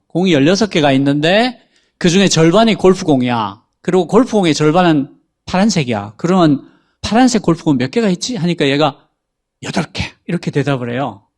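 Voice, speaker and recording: A man's voice: fairly high pitch, darkish tone. A man explaining how a chatbot works on a talk show, in a patient, explanatory manner. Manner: patient, explanatory, reads out example prompts. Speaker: guest explaining AI.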